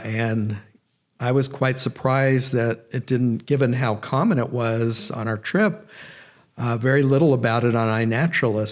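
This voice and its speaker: A middle-aged man giving a public lecture, rambling and correcting himself, with many fillers. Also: mid-range voice. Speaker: guest lecturer. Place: nature center event room.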